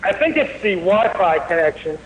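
A man's voice: sits high, sing-song. Man on a tinny, noisy speakerphone. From New Jersey. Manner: halting, many fillers and restarts. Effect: speakerphone call that breaks up. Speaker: caller. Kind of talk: phone-in call to a talk show. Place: rural home. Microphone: phone on speakerphone.

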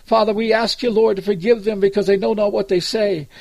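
With a high, creaky, slightly mellow voice that stays steady and a little fast, an American preacher improvises a pleading prayer, addressing God over and over. The recording is dry.

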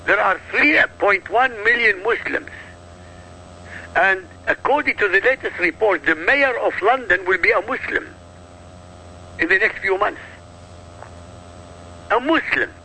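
A man's voice: high-pitched, animated, a little slow, long pauses, bright, forceful tone, slight background noise, rough recording. A man from Iraq giving emphatic, insistent political commentary as a talk show guest, driving his points home with rhetorical questions.

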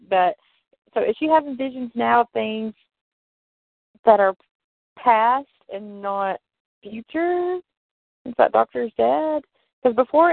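A woman with a fairly high, gravelly voice chats from home as a podcast co-host, rambling through plot recaps with frequent giggles. The sound is thin and phone-like, dry and close. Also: no echo. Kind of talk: casual chat about soap operas. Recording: tinny phone-like line, dry.

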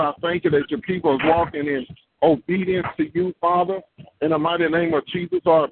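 A man's voice: on the high side, creaky, a little hiss or hum. A man leading a fervent, rhythmic spoken prayer, repeating phrases and breaking into tongues. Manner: rhythmic repetitive praying with tongues. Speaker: prayer leader. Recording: tinny phone line.

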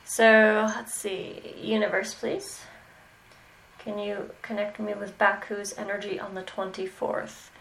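A woman mentoring a student in animal communication, talking slowly and hesitantly with many pauses and "okay"s. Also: medium pitch, little pitch movement, gravelly, fairly bright tone, slight background noise, poor audio. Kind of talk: mentoring session.

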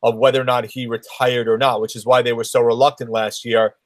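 Fast-talking man in a dry room. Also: medium pitch, flat delivery, no echo. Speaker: podcast co-host. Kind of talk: casual sports podcast chat.

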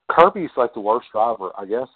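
A man's voice: mid-range voice, no room sound. Man recapping a film, phone-thin sound. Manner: rambling retelling with many fillers and quoted lines. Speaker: podcast co-host. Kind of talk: casual movie recap chat. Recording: dry tinny phone-like sound.

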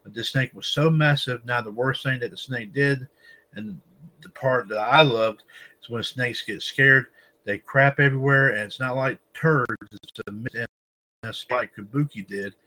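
A man's voice: mid-range voice, moderate pace, low-quality recording. Male podcast host, mid-range voice, reads news copy with frequent restarts and stumbles, addresses listeners directly. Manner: addresses listeners as ladies and gentlemen. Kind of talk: reading wrestling news aloud.

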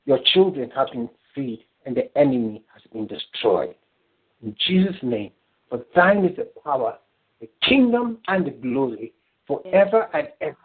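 A man's voice: mid-range voice, big pitch swings, normal speed, breathy edge. A man leading a fervent spoken prayer on a call. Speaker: prayer leader. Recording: tinny phone line.

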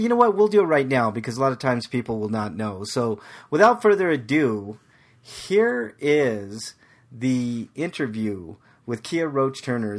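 Man, podcast host, casual, halting, lots of ums. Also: medium pitch. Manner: halting, many fillers and restarts.

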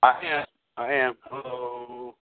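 A man's voice: mid-range voice, flat delivery, slow, clear, resonant tone, dry recording. A man chatting casually over a call whose connection keeps breaking up into glitchy audio. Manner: rambling, loose, with fillers. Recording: tinny phone-line call audio.

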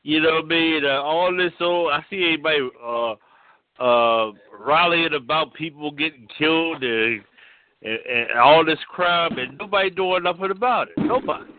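A man's voice: a little high, a little hiss or hum. Male caller over a tinny phone line. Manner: halting, repeats words when starting sentences. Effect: heard over a phone line. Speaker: radio call-in caller. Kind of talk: casual call-in chat.

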